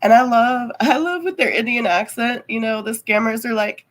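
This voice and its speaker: A woman's voice: a little high, moderate pace, poor audio. A woman livestreamer chatting casually with viewers, rambling and heavy on fillers. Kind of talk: casual chat.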